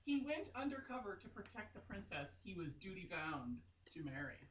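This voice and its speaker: A woman's mid-range voice swings widely in pitch at a moderate pace as she gives a mock-dramatic romance novel read-aloud, giggling and exclaiming in casual asides. Dull audio, a distant mic, echoey room and faint noise round out the recording.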